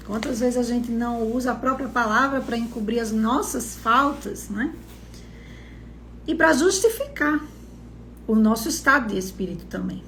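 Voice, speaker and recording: A woman's voice: on the high side, slight background noise. Woman teaching on a Bible passage. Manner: conversational, asks questions, often adds "né?". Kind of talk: teaching on a Bible passage in a church live stream.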